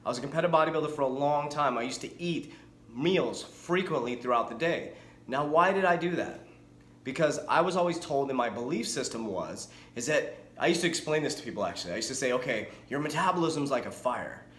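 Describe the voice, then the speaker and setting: Brisk and fairly high-pitched, the fitness coach in his forties rattles on energetically to camera, correcting himself as he goes. It's a casual talking-head vlog, and the sound is reverberant.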